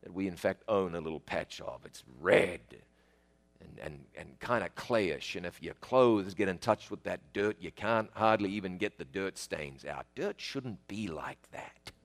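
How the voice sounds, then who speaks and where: This middle-aged man from New Zealand tells stories of his boyhood as a casual, chatty reminiscence aimed right at the listener. He has a deep, expressive voice and speaks a little slowly.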